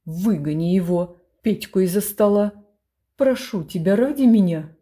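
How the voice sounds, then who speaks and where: A woman voicing a fussy retired captain and father who talks loudly and rambles. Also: mid-range voice, lively intonation, measured pace, husky. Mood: plaintive. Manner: loud, blustering, rambling.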